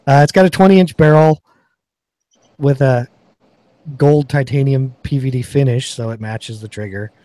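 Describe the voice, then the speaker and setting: Dark-voiced man hosting a gun podcast. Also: mid-range voice, normal speed, long pauses, no room sound. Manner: chatty, reads off product specs. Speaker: podcast host. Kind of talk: casual gun review chat.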